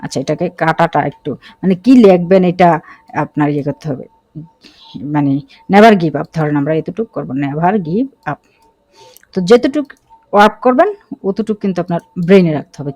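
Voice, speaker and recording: A woman teaching a graphic design course, talking casually through a screen-recorded software tutorial with fillers and self-corrections. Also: lowish voice, lively intonation, normal speed, long pauses, dry recording.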